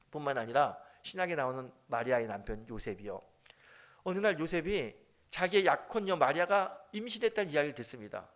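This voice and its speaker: A middle-aged man, a senior pastor, preaching a Sunday sermon and telling a story with acted-out prayers and dialogue. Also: fairly high pitch.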